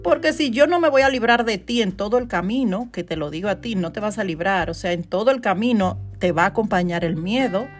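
A woman. She hosts a motivational podcast as a coach and talks in an animated, chatty way, laughing often. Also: medium pitch, a little fast, few pauses, soft background music. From Dominican Republic. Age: 40s.

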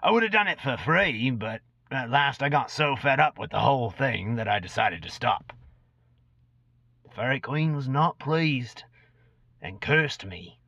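In a dramatic reading of a fantasy tale, a man voices an ancient, gaunt, cursed goblin, a brooding, unrepentant former killer, sounding grim and boastful as he recounts dark deeds. His full character voice is mid-range, creaky, unhurried and pitched above his own, with big pitch swings. The recording is dull and lo-fi in an echoey room.

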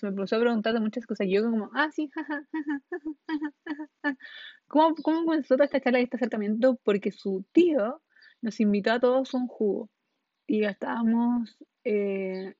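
A woman's voice: a little high, darkish tone, no room sound, muffled recording. A young woman with a Chilean accent tells a personal story in a casual monologue, rambling, scattered, full of slang and frequent laughter. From northern Chile. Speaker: podcast host.

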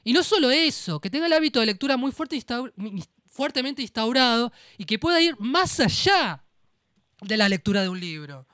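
A man's voice: very high voice, big pitch swings, moderate pace, bright, forceful tone, clear, resonant tone, dry recording, clean studio sound. A young man with a Rioplatense Argentine accent, co-hosting a literary radio show, giving a hesitant book commentary full of restarts. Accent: Rioplatense Argentine Spanish. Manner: hesitant, repeats and restarts words.

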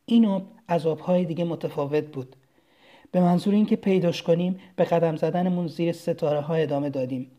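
A storyteller reading a children's story aloud in a calm, even first-person telling. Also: mid-range voice. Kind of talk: storybook narration.

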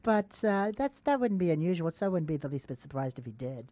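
A woman's voice: low voice, sing-song, fast, mellow, dry recording. A woman hosting a radio call-in show, chatting casually and teasing her callers in a coaxing way. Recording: dull lo-fi radio broadcast sound.

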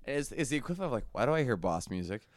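A young man telling a story on a podcast, animated and laughing, swearing often. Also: mid-range voice, racing, no room sound, clean studio sound. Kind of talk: casual storytelling.

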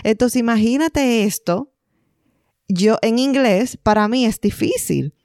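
A woman co-hosting a podcast, telling a story in an animated, exclamatory casual chat. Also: on the high side, takes it slowly, no echo, studio quality. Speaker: podcast co-host.

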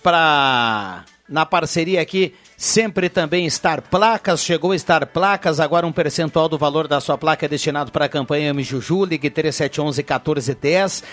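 A man's voice: on the high side, fairly bright tone. A man with a southern Brazilian accent hosting live radio, announcing sponsor spots and time checks.

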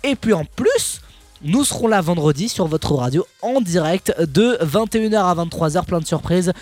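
A man hosting a radio show in lively banter, chatty and teasing, often repeating himself. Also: sits high, moderate pace, no room sound, soft background music.

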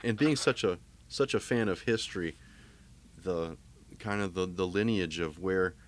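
Casting: very low-voiced man, laid-back podcast host, casual interview chat. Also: a little slow, a little hiss or hum. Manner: relaxed, easygoing, many restarts.

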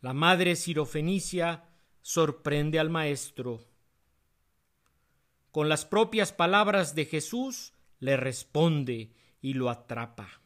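Slow, deliberate male preacher. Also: on the high side, expressive, a bit bright. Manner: cites chapter and verse in a quick aside, voice dropping; slow, deliberate delivery with rising emphasis on key phrases. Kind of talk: sermon.

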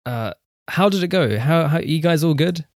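A man's voice: on the high side, animated, normal speed, no echo. A young man with an English accent hosting a casual podcast chat, rambling through his thoughts with many restarts. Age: young adult. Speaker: podcast host.

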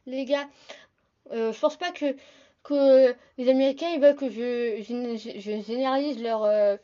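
A young woman hosting a casual solo podcast, talking fast and chatty, often calling her listeners "the guys". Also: on the high side, fairly even intonation, dark tone, dull audio. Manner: fast, chatty, addresses listeners as "les gars". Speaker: podcast host.

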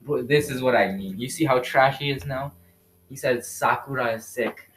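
A male co-host in a casual podcast chat, excitable and fond of roasting his friends. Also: mid-range voice, moderate pace.

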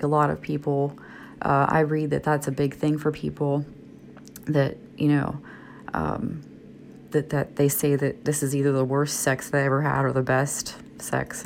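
A woman's voice: darkish tone, a little hiss or hum. A middle-aged woman with a groggy, sleepy voice, talking candidly and confidingly in a rambling, hesitant monologue. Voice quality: low, creaky. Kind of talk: intimate, candid personal monologue. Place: in bed at night, indoors.

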